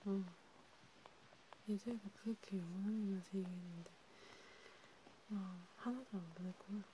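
Poor audio, with steady background hiss and ambient noise, carries a woman's mid-range whisper. Breathy and soothing, she runs a soft, one-sided ASMR hand-massage roleplay, pausing and murmuring acknowledgements as if to one listener.

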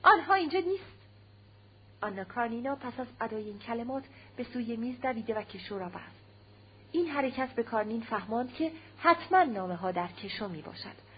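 A woman narrating a classic novel as an audiobook, in a steady, measured reading, on a slightly muffled recording with a faint hum. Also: on the high side.

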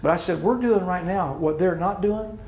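Middle-aged preacher guy, high voice, punchy, repeats himself, echoey hall w faint hum. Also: moderate pace, darkish tone. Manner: emphatic, repeats key lines. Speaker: pastor. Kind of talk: sermon. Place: church hall.

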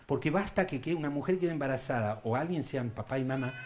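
A man's voice: mid-range voice, lively intonation, fast talker, slight background noise. A man telling jokes to an audience in a playful, comic storytelling way. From Argentina. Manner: playful joke-telling with sound effects. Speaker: children's entertainer and singer. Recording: echoey stage with loud music.

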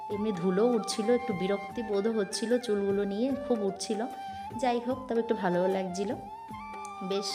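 A woman, chatting casually to her viewers in a daily vlog and often calling on them to look. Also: mid-range voice. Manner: chatty, keeps addressing viewers directly. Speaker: vlogger. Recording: background music under voice.

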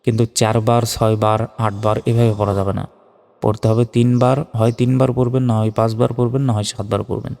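Gravelly-voiced man teaching prayer pronunciation. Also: medium pitch, little pitch movement, a little mellow, in a large hall. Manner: spells out words letter by letter, slow drawn-out recitation. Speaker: religious teacher. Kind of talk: instructional lesson on prayer pronunciation.

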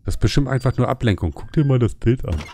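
A man's voice: medium pitch, lively intonation, fast talker, dark tone. A man casually commenting on a horror game during a live stream, joking and chatting with his viewers.

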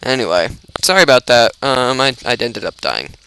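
A young man giving casual, rambling, excitable commentary while he plays a video game, laughing often. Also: medium pitch, moderate pace, smooth. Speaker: gaming YouTuber.

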